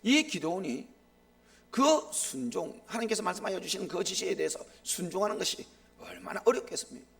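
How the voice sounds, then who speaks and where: A middle-aged man preaching a live sermon as a pastor, impassioned, swinging sharply between loud and hushed. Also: high-pitched, expressive, a little fast, vocal fry.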